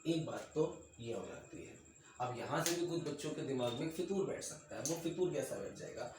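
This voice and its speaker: A man's voice: mid-range voice, lively intonation, moderate pace. A man teaching an exam-prep English lesson, repeating his points and putting questions to his students. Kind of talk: classroom lesson, explaining to students. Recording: very echoey room, mic far off, faint noise.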